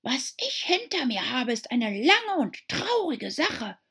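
A woman's voice: medium pitch, very animated, slow pace, mellow, husky, voice pushed up, heavily acted. A woman voicing a touchy, easily offended female mouse in a storybook, sighing and stern.

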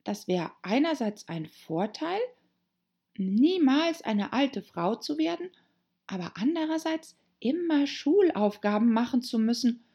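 Woman doing a high, girlish, anxious storybook heroine, breathy and animated. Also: measured pace, dull audio, full character voice. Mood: fretful. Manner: anxious, stammering self-talk. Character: girl Alice, worried and chattering to herself. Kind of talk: audiobook character voice.

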